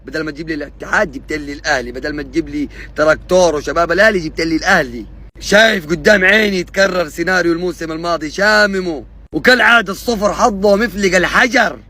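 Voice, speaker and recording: A man's voice: a little high, very fast, pushed and bright. A man complains about the draw like an exasperated football fan.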